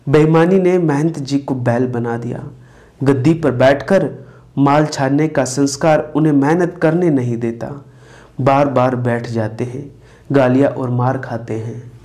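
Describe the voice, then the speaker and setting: Slow, mellow-voiced man telling a story. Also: mid-range voice. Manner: slow, deliberate storytelling with brief acted quotes. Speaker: spiritual storyteller. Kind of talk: devotional story narration.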